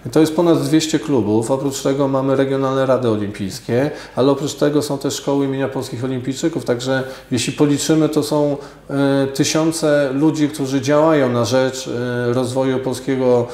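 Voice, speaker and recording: A man in his forties, a sports official answering radio interview questions in a measured, hesitant way with many fillers, in an office studio on a lapel mic. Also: medium pitch, steady tone, a little mellow. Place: office studio with glass table. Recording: roomy echo.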